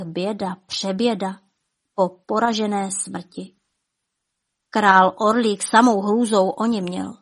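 Dramatic woman reading a fairy tale. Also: medium pitch. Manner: rhythmic, dramatic delivery with soft drops. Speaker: storyteller.

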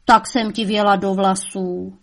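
A woman's voice: medium pitch, level tone, gravelly. A woman voicing the devil's old mother, a cunning woman who scolds shrilly and coaxes sweetly. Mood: coaxing.

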